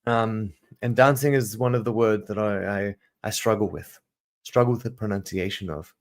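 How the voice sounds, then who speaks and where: A man's voice: on the low side, steady tone, normal speed. A man with a mixed South African and Australian accent teaching a casual livestream lesson, rambling and correcting himself as he goes. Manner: rambling, digressive, self-correcting. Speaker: teacher hosting a live study session. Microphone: camera mic.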